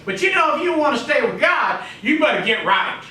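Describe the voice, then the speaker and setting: Male pastor, sermon delivery, fairly high and sharp tone, booming then hushed, sanctuary echo. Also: big pitch swings, fairly quick. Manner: swings between loud emphatic calls and quiet asides; peppers speech with "you know" and "amen". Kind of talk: preaching a sermon. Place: church sanctuary. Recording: echoey church, mic at a distance.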